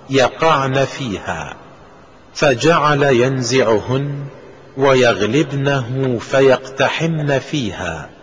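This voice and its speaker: A man reading religious texts aloud in a measured, solemn manner. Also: mid-range voice, breathy edge. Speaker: religious reader. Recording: reverberant recording with faint noise.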